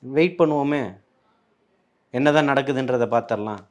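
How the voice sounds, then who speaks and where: A man argues as a party spokesman in a political interview. He talks in a combative way and keeps firing rhetorical questions. His pitch sits in an ordinary middle range for a man. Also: normal speed, darkish tone.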